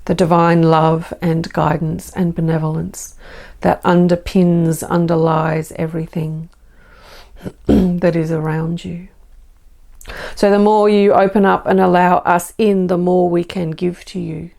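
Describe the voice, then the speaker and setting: An Australian woman speaking as a benevolent spirit entity in a channelled spiritual message, slow and formal with repeated phrases. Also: fairly low pitch, level tone, creaky, dark tone. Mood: serene, benevolent.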